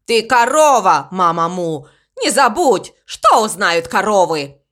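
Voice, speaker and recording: A woman's voice: medium pitch, big pitch swings, takes it slowly, fairly bright tone. A woman voicing a boastful male raven who pretends to be a tiger, growling and swaggering in a storybook reading.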